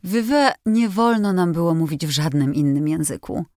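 A woman's voice: on the low side, animated, normal speed, no room sound, clean studio sound, natural voice. Woman voicing a polite, shy teenage boy. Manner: courteous, gently amused.

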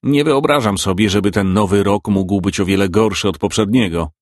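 A man reading a world-weary male private detective in an audiobook, dry and deadpan. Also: on the low side, moderate pace, no room sound, close to an everyday voice. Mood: glum.

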